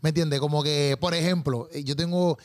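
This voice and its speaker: A man's voice: fairly high pitch, fairly even intonation, moderate pace, dry recording, studio quality. A man, a comedian chatting eagerly in a casual conversation.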